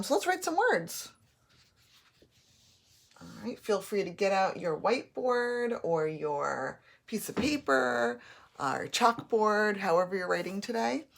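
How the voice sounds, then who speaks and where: A woman's voice: medium pitch, big pitch swings, a little slow, vocal fry. A woman teaching a phonics and spelling lesson, patiently sounding out letters and words.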